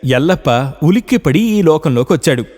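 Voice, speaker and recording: A man narrating a short story for a radio program in an expressive storytelling manner. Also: on the high side, brisk, big-room sound.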